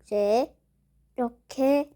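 A woman vlogger slowly narrating as she draws a map, musing aloud and talking to herself as she works. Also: high-pitched, mellow. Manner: slow, musing, talks to herself while drawing. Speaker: drawing vlogger. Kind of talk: casual narration while drawing a map.

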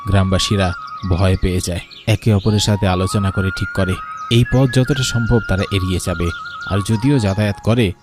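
A man narrating a horror cartoon story in a steady, scripted storytelling delivery. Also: deep voice, normal speed, music in the background.

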